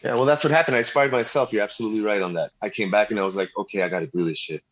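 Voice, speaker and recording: Talking rapid-fire in a lowish, fairly bright voice, this middle-aged Montreal rapper and music producer recounts his story as a guest. He keeps it laid-back, full of street slang and "you know," on a slightly dull, lo-fi recording.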